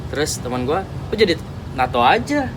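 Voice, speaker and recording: A man in his thirties from Indonesia, a tattoo artist telling his story in relaxed, slangy casual chat. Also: a little high, moderate pace. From Sukabumi, West Java, Indonesia. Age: 30s. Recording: recording with clear background noise.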